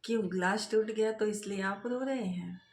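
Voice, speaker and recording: A woman's voice: medium pitch, moderate pace, darkish tone, natural voice. A woman voicing a worried, naive wife and mother who keeps asking anxious questions. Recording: roomy echo.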